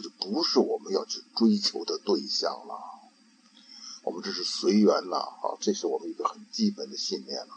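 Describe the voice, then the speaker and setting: An older man and grandfather giving an informal Buddhist talk, slow and halting, often repeating words while he searches for them. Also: lowish voice, slight background noise, rough recording.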